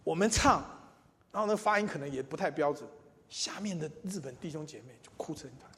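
Animated older preacher in a reverberant hall. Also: male voice, a little high, brisk. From Taiwan. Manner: animated, swings between loud emphatic and quiet asides. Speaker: church speaker. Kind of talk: sermon with personal testimony. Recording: long reverb in a large hall.

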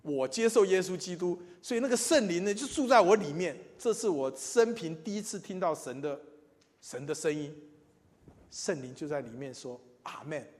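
An older man preaches a sermon in a fairly high voice. He swings from loud, emphatic lines to quiet, intimate asides. His voice rings out with a long reverb, as in a large hall. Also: animated, normal speed. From Taiwan. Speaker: church speaker. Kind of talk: sermon with personal testimony.

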